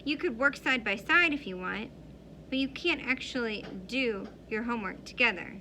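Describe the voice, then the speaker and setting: Woman doing firm storybook teacher, matter-of-fact, bright gravelly tone. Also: a little high, expressive, moderate pace, slight background noise, low-quality recording. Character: firm adult woman schoolteacher.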